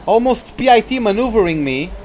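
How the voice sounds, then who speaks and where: High-pitched, expressive, and a little mellow, this young Portuguese streamer talks somewhat fast as he races. He chats with viewers, reads their names, and reacts to the race, with faint music playing behind him.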